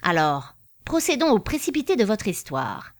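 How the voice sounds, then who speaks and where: Lady doing a shouty pompous old judge, fussy, storybook. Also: medium pitch, very animated, normal speed, natural voice. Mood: brisk.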